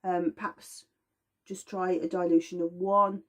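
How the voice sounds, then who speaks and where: A woman giving a gentle, rambling lesson on aromatherapy. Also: on the low side, flat delivery, measured pace. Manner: gentle, rambling, personifies plants. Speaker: aromatherapy teacher. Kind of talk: informal lesson.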